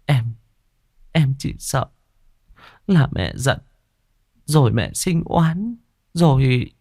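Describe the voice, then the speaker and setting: A man's voice: mid-range voice, expressive, extremely slow, a little mellow, dry recording, clean studio sound, pitched above the performer's own voice, exaggerated voice. A man doing a sobbing young village wife. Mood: tearful. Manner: sobbing, choked. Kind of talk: audiobook character voice.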